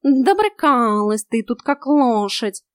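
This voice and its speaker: A woman voicing a cheeky, practical male house cat who grumbles in a loud, drawn-out way. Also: on the high side, lively intonation, no room sound, clean studio sound. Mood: grumbling.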